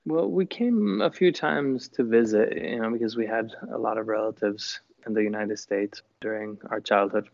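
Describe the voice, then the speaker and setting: A man who grew up in Chile, calmly and earnestly answering interview questions about his upbringing. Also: fairly low pitch, moderate pace, vocal fry, few pauses, no room sound. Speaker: musician guest. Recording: dull lo-fi dry sound.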